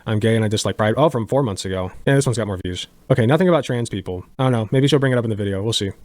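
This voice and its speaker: Very fast-talking man, dry close sound. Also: fairly low pitch, darkish tone, no room sound. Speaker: streamer. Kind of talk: casual reaction commentary. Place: small room at home.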